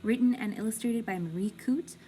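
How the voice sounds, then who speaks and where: Like a teacher with a class of little ones, a woman reads a children's picture book aloud in an expressive, deliberate way. Her voice sits on the high side, and slight background noise can be heard.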